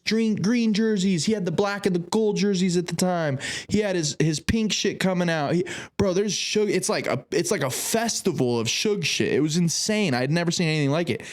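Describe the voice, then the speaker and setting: Excited young man telling a story. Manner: animated, swearing, pitch jumps way up when quoting people. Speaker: podcast guest. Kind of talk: casual storytelling chat.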